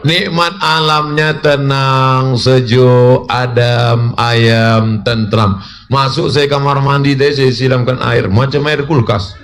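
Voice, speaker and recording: A man preaching a lively, humorous sermon at a public gathering. He teases the listeners, asks them to agree, and shouts out his punchlines. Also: mid-range voice, slow pace, a little hiss or hum. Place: public religious gathering with officials.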